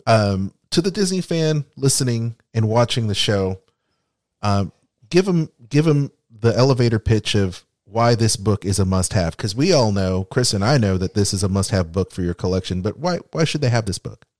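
Male podcast host, lower pitch, dry close sound, relaxed friendly hosting. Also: moderate pace, no room sound. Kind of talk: casual interview hosting.

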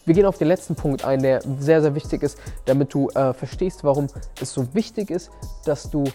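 Over soft background music, a man hosting a motivational podcast speaks fairly quickly in a warm voice on the high side. As a seminar coach, he's emphatic, repeating key words and often restarting phrases.

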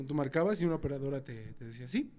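A man's voice: mid-range voice, animated, racing, mellow. A Mexican man bantering casually with friends in a rowdy, slangy frat-bro manner. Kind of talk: casual chat among friends. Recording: music behind the voice.

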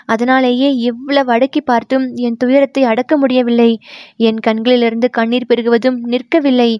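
A woman's voice: flat delivery, normal speed, a little mellow, no room sound, studio quality, close to an everyday voice. Woman voicing a tearful young noblewoman. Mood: distraught pleading. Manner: pleading, voice raised higher.

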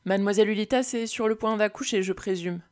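A man's voice: high voice, fast talker, close to an everyday voice. A woman reading aloud and voicing a polite, unflappable male butler. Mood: formal. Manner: polite, formal.

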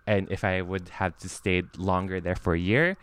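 A man's voice: low voice, steady tone, normal speed, a bit bright, clean tone. A young man talking casually in an apartment, rambling with lots of fillers and restarts. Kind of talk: casual chat.

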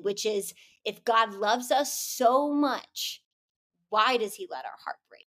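A woman's voice: medium pitch, fairly bright tone. A young woman hosting a faith podcast, speaking in a heartfelt, searching way with many fillers. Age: young adult. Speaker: podcast host.

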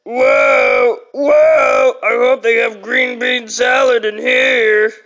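Casting: a woman playing a fussy old granny pig in a fan cartoon, high and loud. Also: extremely slow, low-quality recording. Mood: excited.

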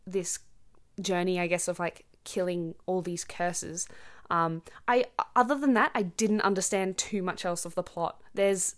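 Young woman, slightly low voice, chatty podcast host who rambles and explains words simply. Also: clean tone. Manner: rambling, many ums and self-corrections. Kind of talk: casual chatty monologue.

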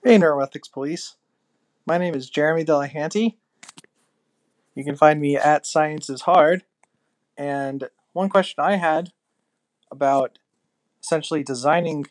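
A man's voice: on the high side, no room sound. A man leaving a casual recorded voice message for a podcast, asking a listener question in a friendly, thoughtful way. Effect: recorded voice message played on the show.

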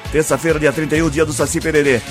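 A man's voice: on the high side, fairly even intonation, racing. A man hosting a radio morning show, joking with co-hosts and reading time checks and dates. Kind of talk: lively radio banter. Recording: music bed under the voice.

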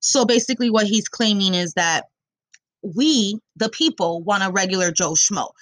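A woman's voice: medium pitch, moderate pace, dry recording. Young woman, casual opinion rant, blunt, swears, rambles, dry close sound. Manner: blunt and profane, rambling with many fillers. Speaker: commentator.

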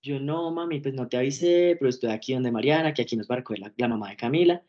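A man's voice: medium pitch, fast talker, highs cut off. A young man, telling his story as an interview guest in a casual way and acting out the voices of the people in it. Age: young adult. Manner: animated, acts out quoted dialogue.

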